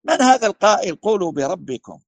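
Emphatic high-voiced male scholar, gravelly. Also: big pitch swings, fast talker, no echo. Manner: emphatic, rising to forceful declarations; repeats rhetorical questions, stutters on words. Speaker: religious scholar. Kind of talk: answering a question in a religious lecture.

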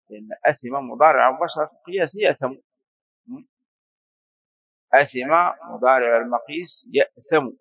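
A man's voice: medium pitch, no echo. Man teaching grammar in a dry room. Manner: explanatory, repeats and prompts students to continue. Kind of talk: classical Arabic grammar lesson. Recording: slightly dull lo-fi recording.

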